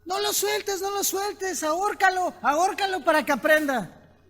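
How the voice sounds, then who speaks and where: A mob of tiny ants with small, squeaky voices, as a male preacher puts them on. They sound thin and quiet, their pitch far above his own. This is a storybook animal voice told from the pulpit. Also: steady tone, measured pace, long reverb tail, exaggerated voice. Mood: egging on.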